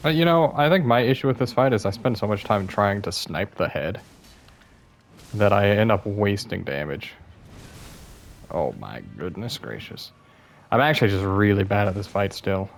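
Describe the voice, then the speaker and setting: Gravelly young guy narrating his gameplay. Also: fairly low pitch, lively intonation, normal speed. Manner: apologetic, self-deprecating, chatty. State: worn out. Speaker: gaming YouTuber. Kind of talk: casual gameplay commentary.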